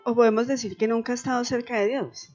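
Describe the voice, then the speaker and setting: A woman's voice: on the high side, fairly even intonation, quick pace, a little mellow. A woman co-hosting a Bible radio program, thinking aloud with hesitant restarts. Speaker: radio co-host. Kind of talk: radio conversation. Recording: dull radio recording with faint music.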